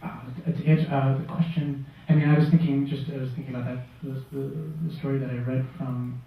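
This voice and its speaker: A man from Russia answering on a literary panel in a bookstore, speaking thoughtfully with halting restarts. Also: mid-range voice, level tone, phone-quality sound. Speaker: panelist, writer. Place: bookstore event room. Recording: echoey room from far off.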